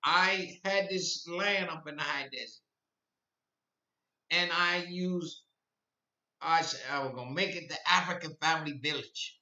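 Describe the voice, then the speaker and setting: A man's voice: fairly high pitch, a little slow, pauses often, bright, forceful tone. A man in his eighties hosting a live-stream podcast, rambling and repeating himself, then rising to impassioned declarations. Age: 80s. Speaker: podcast host. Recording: echoey, distant, dull lo-fi.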